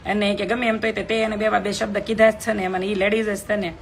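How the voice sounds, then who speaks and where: Young woman, live home-stream host; emphatic and blunt, middle pitch, faint noise. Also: level tone, quick pace, gravelly. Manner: outspoken, emphatic, reads out comments. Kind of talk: live stream talk to viewers.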